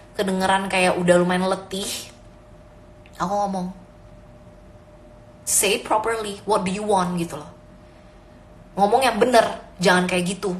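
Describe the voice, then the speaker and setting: A woman's voice: mid-range voice, fairly bright tone, slight background noise. A young woman and mother giving casual, earnest parenting advice, mixing Indonesian and English as she talks. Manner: mixes Indonesian and English freely; earnest, advising. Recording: echoey room with faint ambience.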